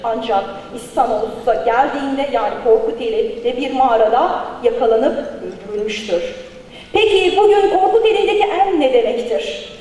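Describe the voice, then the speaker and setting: A woman speaking at a podium microphone at a conference, reading a prepared academic paper in a formal, measured way. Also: high voice, lively intonation, warm tone. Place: conference hall. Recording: very echoey large hall.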